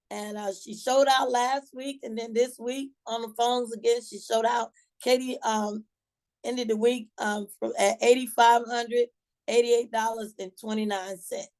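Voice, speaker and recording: Higher-voiced Southern woman from Georgia, encouraging. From Georgia, USA. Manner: folksy, encouraging, colloquial. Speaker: sales team leader hosting a morning call. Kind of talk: motivational team sales call.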